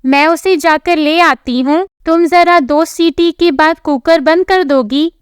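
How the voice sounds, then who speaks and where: A woman voicing a patient, soft-spoken elder sister-in-law in a storybook tale. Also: very high voice, slow pace, dry recording, clean studio sound. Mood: gentle. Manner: soft, accommodating. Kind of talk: storybook narration.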